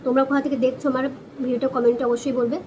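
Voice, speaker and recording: West bengal bengali lady vlogging her meal, high voice, talks while eating, noisy background. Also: little pitch movement, racing. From West Bengal, India. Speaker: food vlogger. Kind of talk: casual chat to viewers over a meal. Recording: clear background noise and ambience.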